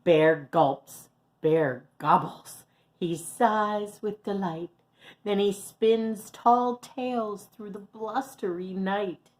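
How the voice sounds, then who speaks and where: A woman reading a children's picture book aloud as storyteller, with slow, very expressive delivery. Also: medium pitch.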